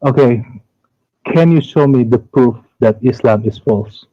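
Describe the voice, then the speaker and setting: A man's voice: mid-range voice, a little slow, no echo. A man from Indonesia, calling in to a live show and speaking hesitantly and defensively, sometimes searching for English words. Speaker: caller. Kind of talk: phone-in conversation. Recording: muffled phone line.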